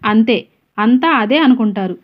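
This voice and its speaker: A woman voicing a gentle, long-suffering middle-aged housewife who confesses in a sorrowful way. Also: on the high side, expressive, normal speed. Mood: sorrowful confessing. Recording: dull lo-fi recording.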